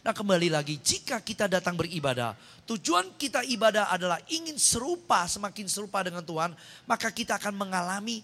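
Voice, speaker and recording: Animated preacher in a reverberant hall. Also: male voice, brisk. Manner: storytelling, animated with sudden high-pitched exclamations. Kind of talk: sermon. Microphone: handheld microphone.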